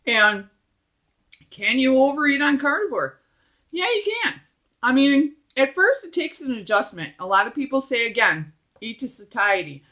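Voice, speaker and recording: A woman's voice: high voice, very animated, moderate pace, sharp tone. A middle-aged woman chatting casually and emphatically while eating, as a mukbang vlogger.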